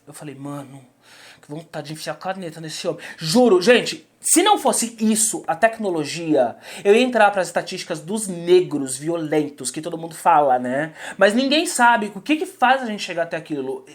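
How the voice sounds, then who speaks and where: A young man, telling a personal story to his viewers in an animated, emphatic way and speaking straight to them. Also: high-pitched, normal speed, hardly any pauses. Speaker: vlogger.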